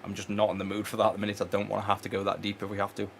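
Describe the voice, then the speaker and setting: Working on electronics at his bench, a low-voiced repair channel host rambles very fast in a completely flat delivery, restarting sentences and filling gaps with ums. His voice is gravelly and a bit bright, with faint noise under the recording.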